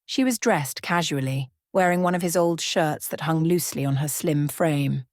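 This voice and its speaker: Reading scripted fiction for a bedtime ASMR session, a woman speaks at a normal pace in a fairly low, darkish voice. There is no echo; the dry recording captures almost no room around her.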